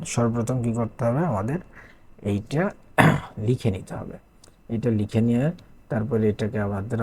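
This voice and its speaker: A young Bangladeshi man tutors math in a casual, step-by-step way, stopping often to check that his students follow. His low voice is gravelly and dark, with a husky edge. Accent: Bangladeshi Bengali. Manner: talks students through a textbook page step by step, often checking with "okay?". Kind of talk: casual classroom explanation.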